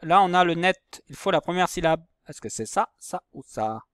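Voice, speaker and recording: A man's voice: a little high, lively intonation, normal speed, fairly bright tone, dry recording. A man teaching a lesson to young pupils, patiently spelling out letters and syllables. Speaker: primary school teacher. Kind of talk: recorded handwriting and reading lesson for young pupils.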